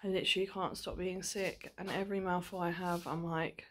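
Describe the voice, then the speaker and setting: Weary woman with a sore jaw, low-pitched. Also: level tone, fairly quick, a bit bright, slight background noise. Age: 20s. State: sore jaw after dental surgery, mouth not opening fully; tired and nauseous. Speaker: vlogger. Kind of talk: casual video diary. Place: small living room or bedroom at home.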